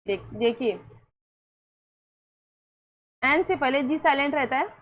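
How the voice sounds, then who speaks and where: Woman English teacher, high voice, slow and patient, repeats rules and checks understanding. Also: expressive, fairly bright tone. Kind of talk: classroom lesson.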